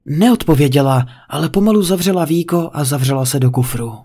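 Higher-voiced man reading a creepypasta. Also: mellow, slightly rough. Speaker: narrator. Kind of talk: creepypasta narration.

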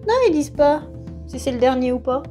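A woman's voice: sits high, little pitch movement, brisk, mellow, faint music behind. A woman in her thirties casually presenting her new manga at home, chatty and full of hesitations. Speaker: book vlogger. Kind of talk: casual manga haul vlog. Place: home room in front of a bookshelf. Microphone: camera in front at mid-shot.

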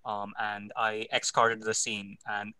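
Man on a video-call panel, bright forceful voice, dry close sound, step-by-step explaining. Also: lowish voice, flat delivery, takes it slowly, smooth, dry recording, rough recording. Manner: explains step by step with frequent ums. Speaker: panel speaker on game mastering. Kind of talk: casual explanatory panel talk.

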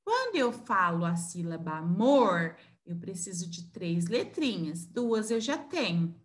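A woman's voice: medium pitch, sing-song, unhurried. A Brazilian woman teaching young children, sounding out words syllable by syllable and stretching each sound. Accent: Brazilian Portuguese. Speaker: preschool teacher. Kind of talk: recorded online lesson for young children.

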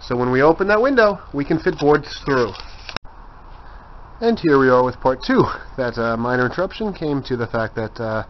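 A man's voice: mid-range voice, animated, normal speed, a little hiss or hum. Guy walking around his wood shop showing stuff, camcorder mic, kinda muffled. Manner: chatty, points things out as he walks. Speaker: woodworker giving a shop tour. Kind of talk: casual handheld walkthrough. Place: cluttered home woodshop, indoors. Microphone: handheld camera mic. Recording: dull lo-fi camcorder audio.

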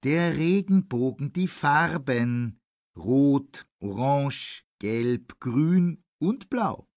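A man acting a cheerful, fit man giving health tips in a scripted language-lesson dialogue, phrasing slowly and clearly. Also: medium pitch, animated, darkish tone, no room sound, clean studio sound. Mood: upbeat. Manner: slow, clearly spaced phrasing.

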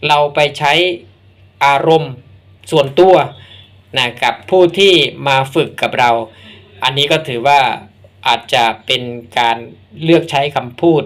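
A man gives a spoken training lecture as a military instructor. His voice sits a little high for a man. He explains step by step in a measured manner, leaving thoughtful pauses between phrases. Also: a bit bright.

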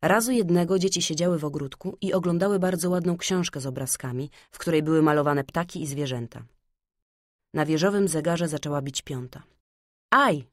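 A woman narrating a fairy-tale audiobook in a calm, measured storytelling manner. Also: deep voice, no echo, studio quality.

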